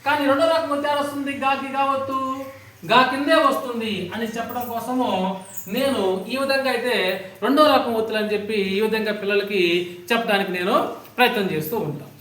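A woman's voice: on the high side, little pitch movement, fast, a bit bright. A woman teaching a class of young children, asking them questions and coaxing answers out of them. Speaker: primary school teacher. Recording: echoey classroom from far off.

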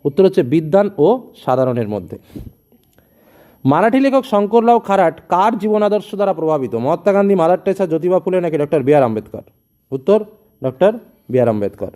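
A man's voice: high voice, sing-song, fairly quick, dark tone. A male tutor reading exam questions with their options and then giving the answers, speaking directly to students. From West Bengal, India.

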